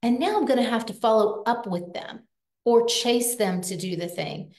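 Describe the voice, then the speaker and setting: A woman's voice: fairly high pitch, moderate pace, a little mellow. A woman parenting coach giving a live-streamed talk, speaking in an earnest, empathetic, conversational way with plenty of rhetorical questions. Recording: roomy echo.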